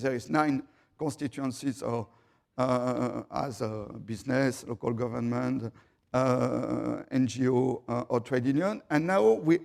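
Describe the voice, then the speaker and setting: Hesitant man with a gravelly voice. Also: fairly high pitch, darkish tone. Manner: hesitant, many fillers and repeated words. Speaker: conference panelist. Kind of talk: conference speech.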